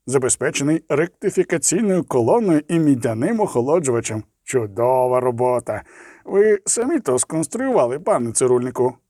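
An excitable young gnome tinkerer, bursting with enthusiasm, as a man reads him. The voice leaps around in a lively range, close and dry, in audiobook style. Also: on the high side, no echo. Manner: enthusiastic, amazed. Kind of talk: audiobook character reading.

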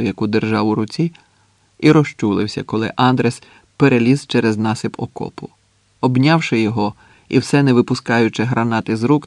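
Man, audiobook narrator, calm steady reading, dry close sound, mid pitch. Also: no echo. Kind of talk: scripted narration.

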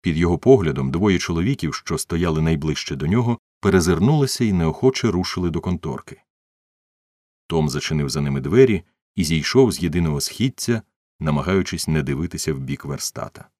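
A man narrating a novel as an audiobook reader, in an expressive storytelling manner. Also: low-pitched, fairly quick, no room sound, studio quality.

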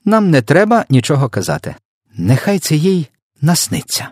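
A man's voice: medium pitch, expressive, quick pace, darkish tone, breathy edge, no room sound, clean studio sound, pitched above the performer's own voice. A man voicing a bold, stubborn little orphan girl who argues eagerly and exclaims. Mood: excited.

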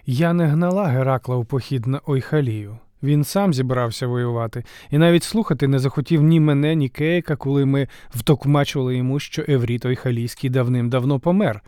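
A man's voice: mid-range voice, fairly quick, hardly any pauses, warm tone, clean tone, no room sound, studio quality, natural voice. A man reading an audiobook, voicing a proud, scheming mature queen who pleads indignantly and theatrically. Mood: cool, defensive. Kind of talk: audiobook character voice.

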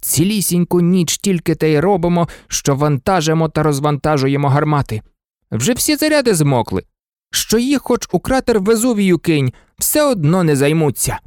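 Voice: mid-range voice, very animated, normal speed, darkish tone, no room sound, clean studio sound, lightly acted. A narrator voicing weary toy artillerymen who grumble about unloading cannons all night, in a storybook reading. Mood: complaining.

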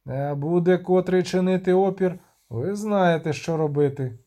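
A man's voice: sits high, normal speed, dark tone, natural voice. A man voicing a stern, authoritative male military commander who proclaims orders. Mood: commanding.

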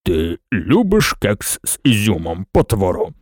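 Storybook lion, drowsy and growly, very deep booming voice, slow drawl, voiced. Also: male voice, huge pitch swings, no room sound, studio quality, heavily acted. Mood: sleepy, lazy. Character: sleepy lazy lion with a deep booming bass.

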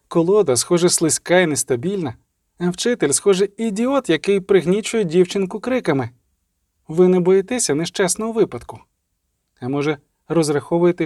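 A man reading the part of a sharp-tongued young sorceress in an audiobook, with ironic, sarcastic delivery. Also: sits high, animated, moderate pace, no room sound, clean studio sound, voice pushed up.

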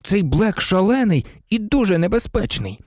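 A man voicing a blunt teenage schoolboy who is quick to take offence. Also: high-pitched, very animated, no room sound, studio quality, voice pushed up. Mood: indignant. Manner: blunt, indignant.

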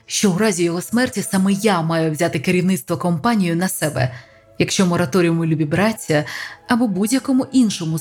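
A man's voice: high-pitched, a little mellow. An audiobook reader voicing an ambitious young man who is earnest and plans aloud. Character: ambitious young man, hopeful yet doubting.

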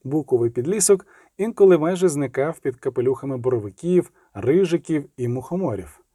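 A man narrating a fantasy audiobook in a steady, dramatic storytelling manner. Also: on the high side, brisk, husky, dry recording, clean studio sound.

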